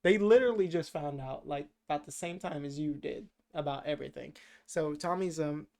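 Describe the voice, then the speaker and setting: A man co-hosts a podcast, going over a movie in rambling, jokey chat laced with profanity and fillers like "uh" and "like". His voice is on the high side, a little mellow, and brisk.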